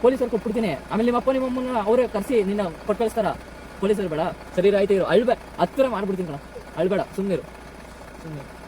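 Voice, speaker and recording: A man acting a bumbling, greedy yet soft-hearted kidnapper in a comic skit, talking in a rambling, rustic way outdoors. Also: high voice, fast, natural voice. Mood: coaxing. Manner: rambling, chatty, rustic talk. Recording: street noise with idling engine.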